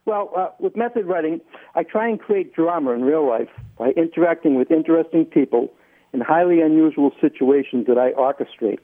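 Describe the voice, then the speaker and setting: A man with a New England accent explains himself as an interview guest, in a halting, deliberate way. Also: on the high side, narrow, tinny audio. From Massachusetts, United States. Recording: band-limited radio phone-in sound.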